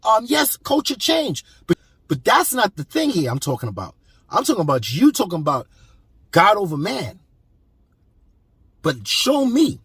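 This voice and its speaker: A man's voice: high voice, wildly swooping pitch, normal speed, long pauses, a bit bright, husky, no room sound. A man giving heated, preachy commentary on a clip, emphatic and repeating himself.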